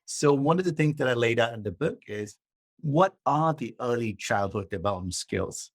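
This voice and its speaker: A man's voice: mid-range voice, animated, moderate pace, no room sound. A middle-aged man from Malaysia, a guest author and coach explaining his ideas in a podcast interview in a structured way, often checking in with "right?".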